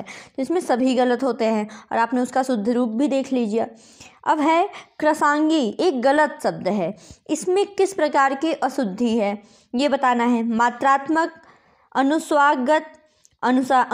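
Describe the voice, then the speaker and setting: A Hindi exam tutor with a high-pitched, slightly mellow voice goes through quiz answers, patiently spelling out words letter by letter. She checks in often with "ठीक है" ("okay").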